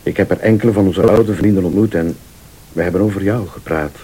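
In a radio play, a Flemish-accented actor portrays an insistent, accusing man who is deliberate and probing, at times sardonic or pleading. His voice is low, dark, and husky, and the mood is subdued and wistful.

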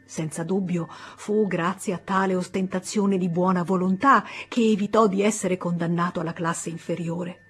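A woman with an Italian accent reading a classic novel aloud in a measured, expressive audiobook narration. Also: fairly low pitch, slightly rough. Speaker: audiobook reader.

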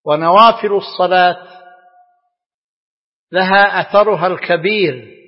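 Slow, echoing man lecturing in formal Arabic. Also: high-pitched. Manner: measured, deliberate phrasing in short segments with pauses. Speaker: religious scholar giving a radio talk. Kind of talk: scripted religious lecture in formal standard Arabic. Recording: dull lo-fi, long hall reverb.

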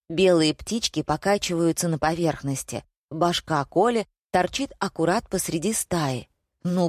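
Lowish woman narrating a comic story. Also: a little mellow, no echo, studio quality. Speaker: audiobook reader.

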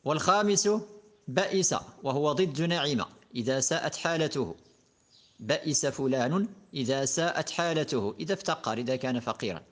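A man's voice: medium pitch, moderate pace. A man teaching a lesson on verb morphology, methodically working through conjugations one form after another. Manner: methodical, reciting verb conjugations in steady patterns. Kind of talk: classroom lesson explaining a grammar poem.

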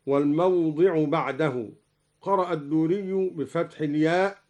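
A man with a fairly high voice speaks very slowly as a recitation scholar, walking through each variant reading. He breaks into measured, melodic chanting whenever he quotes a verse. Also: a little mellow.

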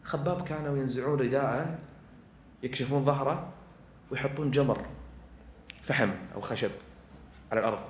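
A man preaching with a Kuwaiti accent, moving from quiet asides to loud, fervent exhortation. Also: medium pitch, brisk, pauses often, slight background noise. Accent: Kuwaiti Arabic. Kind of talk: religious lecture to an audience. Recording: echoey room.

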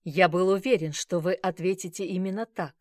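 A woman's voice: on the low side, steady tone, moderate pace, a little mellow, no room sound, studio quality, lightly acted. A woman reading the part of a shaken, grateful, courteous man in an audiobook. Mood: earnest.

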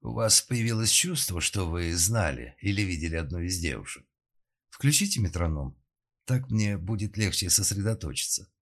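A man voicing a calm, methodical male psychotherapist who asks questions in an audiobook. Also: deep voice, moderate pace, vocal fry, full character voice.

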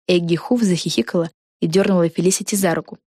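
A woman narrating a children's fantasy audiobook in a lively, expressive way. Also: on the low side, quick pace, slightly rough, no echo, studio quality. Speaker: audiobook reader. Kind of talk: storybook narration.

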